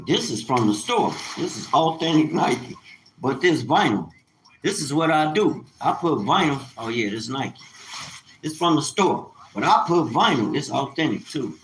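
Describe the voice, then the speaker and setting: This livestreamer, a small business owner in his fifties, has a fairly bright voice that sits on the high side. He rambles in a relaxed, colloquial way, repeating phrases again and again to drive points home. Faint background noise and echo fill the room.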